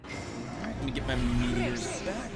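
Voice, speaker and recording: A man's voice: mid-range voice, very animated, a little slow. Playful man narrating his gameplay. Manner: playful, thinking aloud. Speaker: let's play host. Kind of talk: gameplay commentary. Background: game music.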